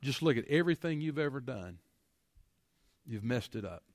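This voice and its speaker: A man's voice: mid-range voice, lively intonation, moderate pace, dry recording, clean studio sound, long reverb tail. A man preaching a sermon to his congregation, folksy, full of rhetorical questions and repeated words. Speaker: pastor. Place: church sanctuary.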